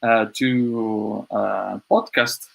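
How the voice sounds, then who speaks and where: Gravelly-voiced man asking halting questions. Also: fairly low pitch, fairly even intonation, low-quality recording. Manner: hesitant, rephrasing his questions. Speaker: podcast host. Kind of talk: interview questions.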